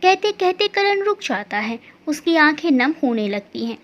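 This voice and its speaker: A woman narrates a family story in an expressive, scripted reading. Her voice is very high and moves widely in pitch. The recording has a dull, lo-fi sound. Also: moderate pace.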